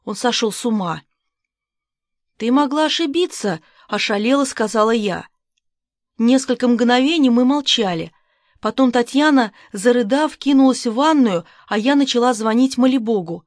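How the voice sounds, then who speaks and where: A woman narrating a first-person audiobook in a brisk, lively storytelling manner. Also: on the high side, dry recording, studio quality. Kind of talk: scripted narration.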